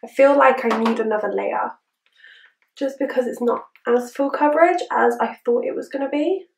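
Chirpy, high-voiced young woman in a roomy space. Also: normal speed, vocal fry, distant mic. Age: young adult. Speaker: beauty vlogger reviewing makeup. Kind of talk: casual chat to camera, product review. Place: small room indoors. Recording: roomy indoor echo.

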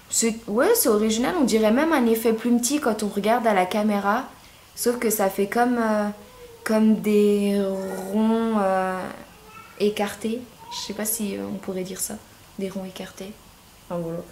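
Brief: woman vlogger, chatty and hesitant, unboxing, echoey room, faint hiss. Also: mid-range voice. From France. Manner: chatty, hesitant, many fillers. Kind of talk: casual unboxing chat.

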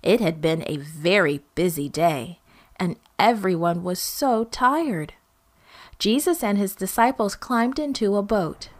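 A woman's voice: medium pitch, unhurried. A woman telling a children's Bible story, speaking expressively and directly to young listeners.

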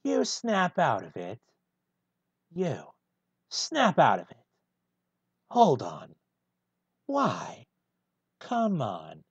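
A man voicing a gruff, brooding male hedgehog antihero in a one-take fan reading of a film script, deadpan and husky. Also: fairly high pitch, very slow, long pauses, no room sound, highs cut off, heavily acted.

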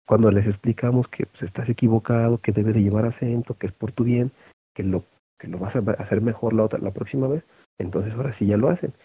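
A man's voice: fairly low pitch, a little fast, slightly rough. A man with a Mexican accent, a teacher giving a conversational online lecture to other teachers, with many fillers and tag questions. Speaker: teacher presenting an online session. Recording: phone-like thin audio.

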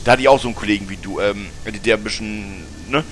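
This German let's player talks fast over a slight hiss or hum in the recording. Using northern colloquial speech, he keeps up a teasing, chatty commentary, talks back to the in-game characters, and breaks into high-pitched laughter.

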